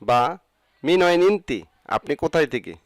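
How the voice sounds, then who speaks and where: A man teaching a language lesson, saying each phrase slowly and then explaining what it means. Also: on the high side, lively intonation, no echo. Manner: says each Arabic phrase slowly, then gives its meaning.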